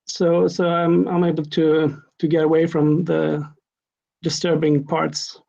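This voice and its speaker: Gravelly, husky man on a dull call. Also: fairly high pitch, level tone, dark tone. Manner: halting, many restarts. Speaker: student. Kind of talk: class introduction chat.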